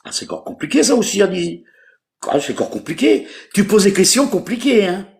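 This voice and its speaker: A man's voice: high-pitched, very animated, brisk, vocal fry. A man in his fifties from France, talking hesitantly on a live call and searching for his words. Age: 50s. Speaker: caller seeking a partner.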